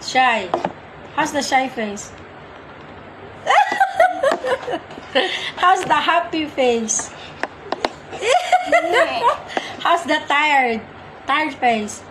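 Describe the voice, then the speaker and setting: A woman's voice: high voice, huge pitch swings, very slow, pauses often, heavy background noise. A young Filipino-accented mother playfully coaxing her toddler through faces at home, giggling often. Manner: coaxing, giggly, sing-song prompting.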